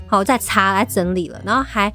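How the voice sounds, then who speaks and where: Woman, casual podcast co-host, lively storytelling, mid-pitched voice, faint music underneath. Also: a little fast. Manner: animated storytelling, often laughing. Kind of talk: casual chat.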